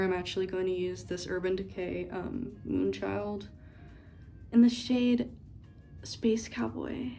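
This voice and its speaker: Medium-pitched with a dark tone, this young woman chats playfully and aimlessly while applying makeup in her dorm for a get-ready-with-me beauty video.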